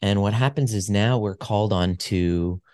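A man's voice: lowish voice, normal speed, a little mellow, dry recording, studio quality. A man in his forties, a podcast guest, talking in an earnest, reflective way with frequent restarts. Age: 40s. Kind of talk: casual conversation.

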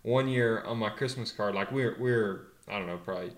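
A young man and pro rider answering interview questions in a relaxed, hesitant way, full of fillers and restarts. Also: on the low side, fairly quick, echoey room. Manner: laid-back, hesitant, many fillers and restarts. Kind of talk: casual interview.

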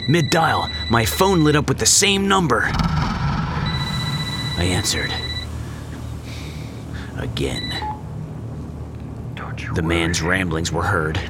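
A man narrating a horror story in a low, hushed, suspenseful way. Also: very noisy. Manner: low, hushed and suspenseful, jumping higher in dialogue.

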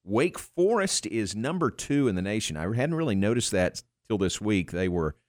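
A man's voice: on the low side, big pitch swings, normal speed, no room sound, clean studio sound. A man hosting a sports radio show in a casual, live talking style. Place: radio studio.

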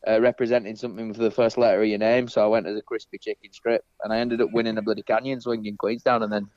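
A man's voice: lowish voice, little pitch movement, fast talker, darkish tone, no room sound. A man telling yarns casually in a rambling, self-deprecating way, swearing freely. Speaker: guest telling stories. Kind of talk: casual storytelling banter. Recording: dull, band-limited sound.

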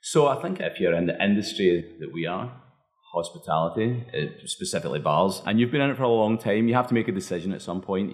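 Low-voiced man with a thick Scottish accent. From Scotland. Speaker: bar owner and bartender being interviewed. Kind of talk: conversational interview answers.

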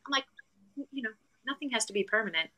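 A woman's voice: fairly high pitch, lively intonation, fast talker, pushed and bright, low-quality recording. A middle-aged woman, a real estate agent, chatting as a podcast guest and telling stories with lots of fillers and restarts. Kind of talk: casual podcast interview.

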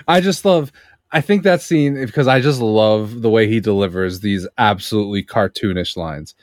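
A man co-hosting a podcast, chatting casually and excitedly about a film and swearing freely. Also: fairly low pitch, normal speed, dry recording, studio quality. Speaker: podcast co-host.

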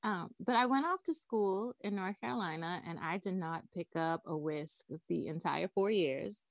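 A woman's voice: on the low side, moderate pace, gravelly, dry recording. A woman from the Bahamas, a wedding cake designer, chatting upbeat as a podcast guest. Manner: upbeat, chatty, frequent laughs and "like".

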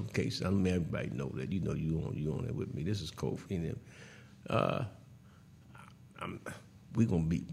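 Gravelly-voiced man hosting a sports talk show. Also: deep voice. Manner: animated, laughing, teasing rival fans; repeats words and restarts often. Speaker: host.

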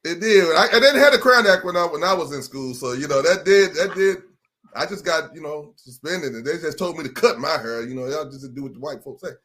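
A man's voice: a little high, expressive, a little fast, fairly bright tone. A man hosting a casual online music show, joking and talking with emphasis. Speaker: host. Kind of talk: casual chat.

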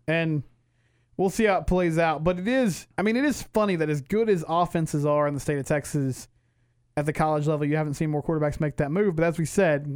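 A man's voice: a little high, no room sound, clean studio sound. A man hosting a sports radio show in a casual, conversational style.

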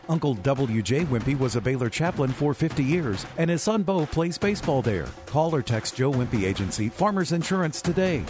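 A male announcer reads a scripted insurance spot. His mid-pitched voice moves up and down in a lively way over a clear music bed. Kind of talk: scripted ad narration.

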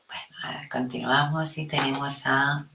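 A woman with a European Spanish accent hosting a live spiritual stream, chatting casually and affectionately and often dropping into a soft near-whisper. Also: very deep voice, little pitch movement, normal speed. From Spain. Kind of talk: casual live-stream chat reading viewer comments. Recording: echoey room with faint noise.

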